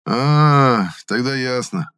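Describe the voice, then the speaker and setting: A man voicing a brash young male squad leader who talks in sharp, mocking, commanding bursts. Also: mid-range voice, fairly quick, voice pushed up, lightly acted.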